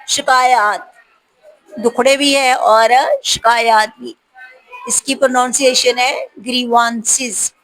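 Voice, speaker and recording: A woman with a high voice runs a spelling practice lesson. She says each word slowly and clearly, then gives a short explanation with examples. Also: fairly bright tone, rough recording. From Pakistan. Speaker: teacher.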